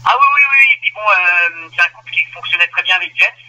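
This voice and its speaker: Hesitant man, bright voice. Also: high voice, animated, fast talker, low-quality recording. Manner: hesitant, many fillers and restarts. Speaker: racehorse trainer. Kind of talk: phone interview.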